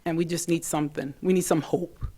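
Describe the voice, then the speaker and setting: A middle-aged woman, a parent, giving an earnest, emotional public comment at a school board meeting, halting at times. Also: low-pitched, steady tone, mellow, slightly rough.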